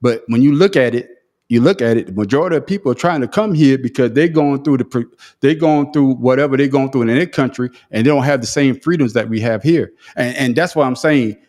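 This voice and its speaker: On his casual podcast, a man with a medium-pitched, darkish voice talks a little fast. He argues with emphasis in a heated debate, often breaking off and beginning his sentences again.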